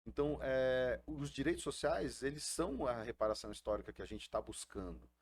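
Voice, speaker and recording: A man's voice: medium pitch, lively intonation, brisk. Impassioned man on a podcast. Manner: earnest, impassioned, tags many sentences with a questioning tag. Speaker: guest, FUNAI indigenist. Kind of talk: casual podcast interview.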